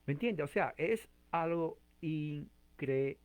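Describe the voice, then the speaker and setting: A man's voice: a little high, lively intonation, takes it slowly, smooth. A man leading a conversational Bible study, chatty and informal, often putting direct questions to his listeners and restarting his sentences.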